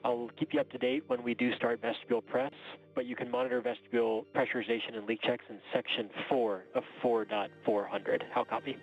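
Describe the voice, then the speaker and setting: A man's voice: medium pitch, flat delivery, brisk. A man working as a mission control communicator, giving formal technical instructions over a radio link. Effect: radio transmission. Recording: tinny phone-like radio link, faint music.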